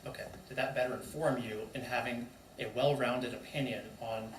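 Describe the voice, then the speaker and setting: A man questioning a witness in court as an attorney, brisk and pointed, in a courtroom recording. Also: mid-range voice, steady tone. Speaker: defense attorney. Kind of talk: courtroom cross-examination. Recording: distant echoey courtroom mic with noise.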